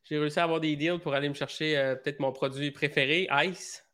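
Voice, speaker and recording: A man with a Québécois accent, a podcast guest talking in a relaxed, hesitant way with plenty of fillers. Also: fairly high pitch, fast. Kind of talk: casual interview chat.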